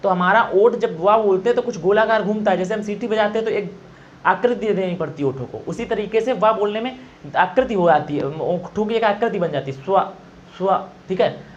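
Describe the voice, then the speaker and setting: A man's voice: high voice, fairly quick, highs cut off. A man teaching pronunciation for exams, patiently explaining and repeating sounds aloud to demonstrate them. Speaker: Hindi exam teacher. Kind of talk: classroom-style explanation.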